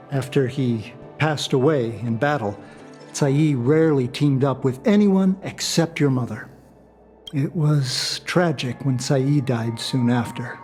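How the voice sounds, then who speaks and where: In a video game dub, a male actor with a medium-pitched, darkish voice plays a fussy, devoted subordinate officer. His delivery is theatrical and officious, though only lightly acted.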